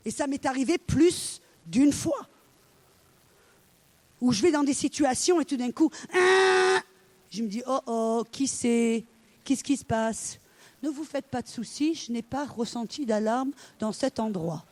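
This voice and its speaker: A woman's voice: sits high, unhurried. A middle-aged woman preaching a sermon, telling stories and acting out the dialogue. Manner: animated storytelling, acting out dialogue.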